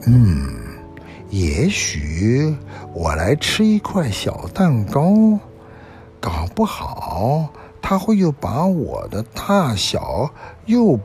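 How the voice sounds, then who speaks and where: A man voicing a curious, spirited little girl in a storybook reading, lively and musing to herself. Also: mid-range voice.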